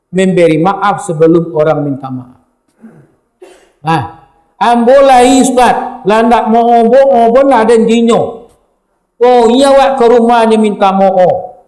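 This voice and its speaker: A man with a high voice and a Minangkabau accent delivers a sermon and keeps turning to his listeners. His lively voice carries through an echoey room. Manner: lively, addresses the audience directly. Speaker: preacher.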